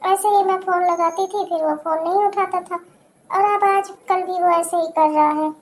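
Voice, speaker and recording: A scornful middle-aged mother-in-law in a cartoon, put on by a woman who scolds and mocks. The voice sits very high. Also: fairly even intonation, moderate pace, slight background noise. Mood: mocking. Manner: taunting, scolding.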